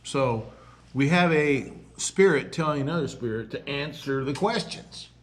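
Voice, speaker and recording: A man's voice: medium pitch, a little slow. A man chatting casually as a fellow investigator during a ghost hunt. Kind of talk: casual chat.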